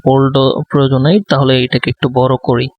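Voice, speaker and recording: A man giving a design tutorial, speaking softly close to the microphone and thinking aloud with many fillers. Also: mid-range voice, little pitch movement, fast, no echo, phone-quality sound. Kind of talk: live screen-recorded tutorial.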